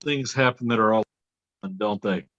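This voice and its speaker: A man reading a script aloud over a laptop video call, his audio choppy and cutting in and out, his phrases halting and broken off. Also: on the low side, a bit bright, no echo, lo-fi sound.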